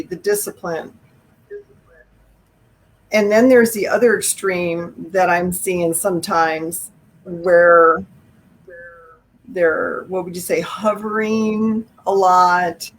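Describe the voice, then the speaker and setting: A woman's voice: fairly low pitch, a little hiss or hum, rough recording. Frank, opinionated middle-aged woman. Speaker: author guest. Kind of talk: conversational live video interview. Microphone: video call.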